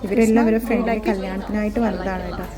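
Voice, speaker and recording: Racing along in a medium-pitched voice with fairly even intonation, a Malayali-accented woman narrates her casual vlog, mixing English into her Malayalam. She is a henna artist and vlogger, and a crowd and faint music sit in the background.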